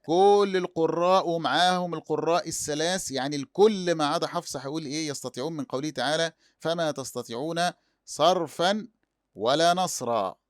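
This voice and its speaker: A man's voice: fairly high pitch, no echo, studio quality. A man with an Egyptian accent teaching a lesson, asking and answering his own questions. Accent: Egyptian Arabic. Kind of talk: explanatory lesson.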